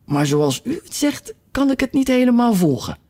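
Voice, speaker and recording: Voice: medium pitch, sing-song, normal speed, warm tone, pitched above the performer's own voice. A reader voicing a polite, timid young girl who stammers when scared. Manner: polite, hesitant. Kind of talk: audiobook reading.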